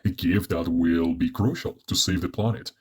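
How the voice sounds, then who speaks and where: A man's voice: deep voice, slightly rough. A man voicing a cheerful, chatty robot satellite with a robotic, sparkling voice and theatrical delivery. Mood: explaining. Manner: theatrical, lively, drawn-out delivery. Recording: soft music underneath.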